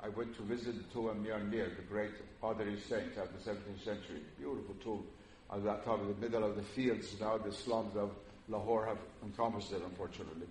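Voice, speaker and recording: A fairly low-pitched, slightly mellow male voice with fairly even intonation belongs to an older Iranian religious lecturer whose first language is Persian. Measured and earnest, with frequent "uh" pauses, he gives a public lecture to an audience in a roomy hall with faint noise.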